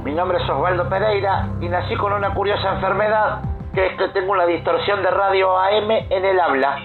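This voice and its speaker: A man's voice: sits high, a little fast, music in the background. An actor playing an aggrieved, rambling Argentine man in a mock documentary, his speech distorted like AM radio. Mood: earnest complaint. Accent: Rioplatense Argentine. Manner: rambling, repeats himself. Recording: muffled, distorted AM radio sound.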